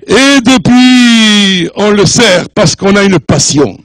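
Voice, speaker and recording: A man's voice: high-pitched, animated, slow pace, fairly bright tone, no echo. An older man preaching as a guest in a church, jovial and joking with the congregation, mixing French, English and Spanish. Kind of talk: sermon.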